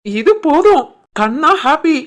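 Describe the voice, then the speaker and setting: Young cartoon lover, southern Tamil Nadu dialect, high-ish voice, excitable and doting, as a voice artist does him. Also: unhurried. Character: eager lovestruck young man, office worker. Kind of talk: cartoon voice acting.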